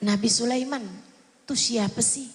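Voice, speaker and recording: A woman's voice: a little high, steady tone, measured pace, pitched below the performer's own voice, close to an everyday voice. A woman preacher voicing a frightened young man who begs for help in a retold story. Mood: pleading. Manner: pleading, anxious. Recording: long hall reverb.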